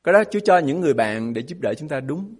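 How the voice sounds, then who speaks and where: A man's voice: fairly high pitch, very animated, fast talker. A man preaching a sermon as a pastor, emphatic and asking his congregation rhetorical questions.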